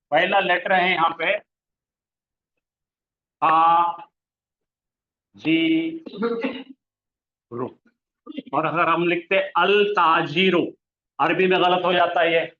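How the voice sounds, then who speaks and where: High-voiced man teaching in an echoey room. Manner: asks the class questions and answers them himself; stretches out example words slowly. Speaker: Arabic grammar teacher. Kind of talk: classroom lesson explaining pronunciation. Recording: echoey room, slightly dull sound.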